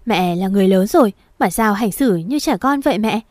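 A woman's voice: medium pitch, animated, brisk, a little mellow, dry recording, clean studio sound, lightly acted. A woman voicing a frustrated young man arguing with his mother. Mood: exasperated. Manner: pleading, exasperated.

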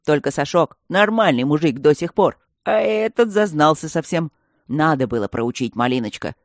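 A mischievous stone gargoyle with a low, booming, mocking voice, as a man puts him on. He jeers and brags loudly, recorded dry for an audiobook. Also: expressive, normal speed, no room sound. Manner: loud, deep and mocking. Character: mischievous male stone gargoyle, proud and rowdy.

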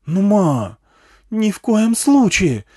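A man's voice: on the high side, big pitch swings, slow pace, warm tone, breathy edge, voice pushed up, heavily acted. A man reading an audiobook voices a hysterical, jealous, foul-mouthed woman from the wasteland who shrieks in panic and fury. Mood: furious.

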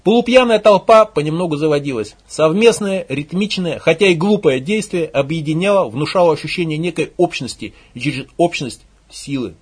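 A man narrating a story in a dry, low-key audiobook style. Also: expressive, a little fast, few pauses, background noise.

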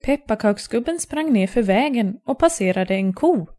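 A woman narrating a fairy tale aloud in a calm, clear storytelling manner. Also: a little high.

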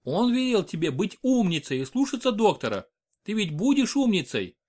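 A man voicing an anxious, quick-tempered young noblewoman, speaking sharply and urgently. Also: sits high, big pitch swings, darkish tone, voice pushed up.

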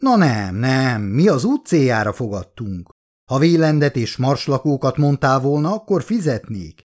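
A man's voice: mid-range voice, sing-song, darkish tone. A man voicing a smug, know-it-all male ship officer in an audiobook. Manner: smug, lecturing.

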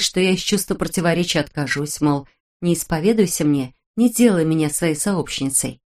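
A woman reading a first-person audiobook in a measured, reflective way. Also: fairly low pitch, darkish tone. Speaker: audiobook narrator.

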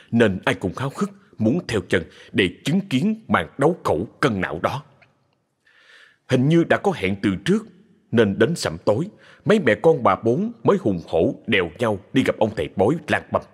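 A man tells a ghost story in a husky voice with a lively swing of pitch. The reading carries a long reverb tail. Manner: lively, colloquial telling.

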